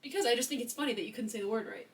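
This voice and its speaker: A young woman with a high voice teases and argues in a casual vlog debate, building her case step by step. She sounds a little distant from the mic. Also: very fast. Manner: teasing, argumentative, builds points stepwise. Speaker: co-host. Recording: voice a bit far from the mic.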